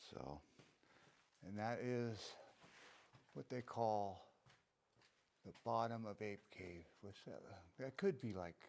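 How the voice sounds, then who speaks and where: A man's voice: on the low side, lively intonation, slow pace, vocal fry, long pauses, a little mellow. A man casually narrating his own travel vlog in a playful, jokey tour-guide way, filming on a handheld camera. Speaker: travel vlogger. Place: cave and outdoor mountain trail.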